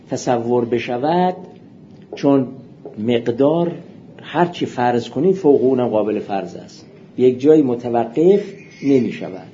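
A man giving a seminary philosophy lecture, explaining texts in a measured way and reading out quotations. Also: medium pitch, dark tone. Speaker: philosophy teacher. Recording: muffled lo-fi recording with faint hiss.

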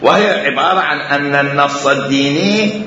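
A man's voice: fairly high pitch, moderate pace, bright, forceful tone, a little hiss or hum. A man with an Iraqi accent giving a religious lecture, emphatic and repeating phrases for stress. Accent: Iraqi Arabic. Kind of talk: lecture on Islamic jurisprudence. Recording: echoey hall, dull lo-fi sound.

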